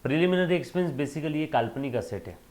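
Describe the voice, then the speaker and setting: A man's voice: a little high, expressive, fast talker, darkish tone. Emphatic male lecturer. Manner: emphatic, with rhetorical check-ins; addresses students fondly as children. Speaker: accountancy lecturer. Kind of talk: classroom lecture.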